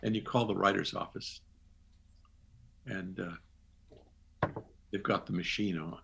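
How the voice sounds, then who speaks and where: An older man, a former television producer, telling animated stories from his career in an interview and acting out his own phone calls. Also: deep voice, slow, gravelly, noisy background. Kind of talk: anecdotal interview storytelling.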